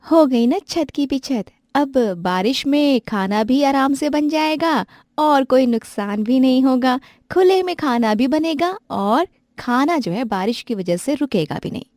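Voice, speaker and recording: A woman's voice: high voice, lively intonation, unhurried, hardly any pauses, darkish tone, no echo, studio quality, pitched above the performer's own voice. A woman voicing a stubborn young village daughter-in-law who talks earnestly. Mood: cheerful.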